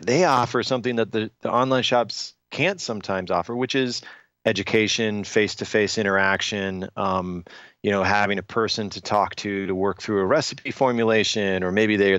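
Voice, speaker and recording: A man talking as a guest in a podcast interview, measured and explanatory, with frequent fillers and restarts. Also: lowish voice, a bit bright, no echo, highs cut off. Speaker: industry guest.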